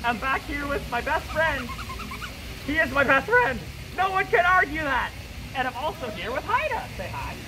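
A playful woman chats outdoors for her vlog, her voice coming through a costume head. She talks high and animated. Loud street noise sits under her voice. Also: normal speed. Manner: bubbly and playful. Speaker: vlogger in fursuit. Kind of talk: casual vlog chat. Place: outdoors in public.

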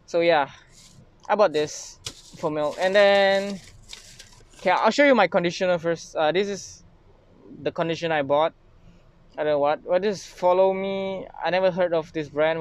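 A man's voice: a little high, clean tone. Young Malaysian man rambling in a car. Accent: Malaysian English. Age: young adult. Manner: rambling, self-mocking, lots of fillers and restarts. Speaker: vlogger. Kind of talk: casual grocery haul vlog. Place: inside a parked car. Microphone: phone camera held close.

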